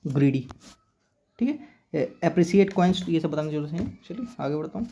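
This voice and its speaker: A man's voice: a little high, animated, brisk, mellow. A man teaching English for competitive exams. He explains words patiently, spells some of them letter by letter, and keeps checking in with "okay". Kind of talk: exam-prep vocabulary and grammar lesson.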